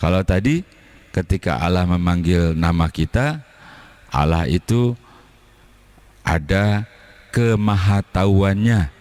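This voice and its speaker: A man preaching a sermon at a church service in a relaxed, conversational way. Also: low voice, slow, pauses often. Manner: relaxed conversational preaching, acting out quoted dialogue. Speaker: pastor.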